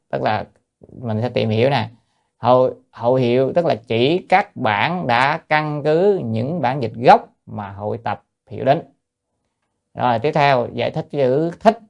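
A man who is a Buddhist monk, lecturing on a sutra in a loose, hesitant way with many fillers, chanting lines of classical text slowly before explaining them plainly. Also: mid-range voice, creaky, darkish tone.

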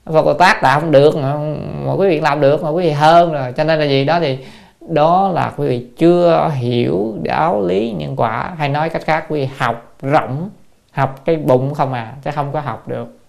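Sermon voice: dharma teacher, gravelly, mid-pitched, rhetorical questions, repetitive. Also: moderate pace. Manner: explains with rhetorical questions and repeated "đó". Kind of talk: sermon lecture.

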